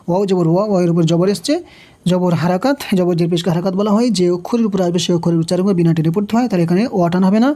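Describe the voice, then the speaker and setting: A woman's voice: fairly low pitch, warm tone. A woman teaching Quran recitation rules step by step, patiently repeating syllables and asking questions as she explains. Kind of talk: step-by-step tajweed lesson.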